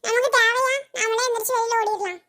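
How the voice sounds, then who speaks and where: A woman's voice: very high-pitched, fairly even intonation, quick pace, noisy background. A woman voicing a protective young girl cousin in a cartoon, arguing and pleading with an elder, with a Kanyakumari Tamil accent. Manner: pleading, argumentative. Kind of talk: cartoon voice acting.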